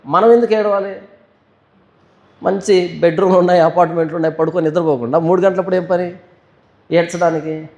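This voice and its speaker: A male pastor teaching a Bible study, reading verses slowly and posing questions he answers himself. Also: high-pitched, fairly even intonation, a little mellow, muffled recording. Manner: asks and answers his own questions, reads verses slowly. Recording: echoey hall.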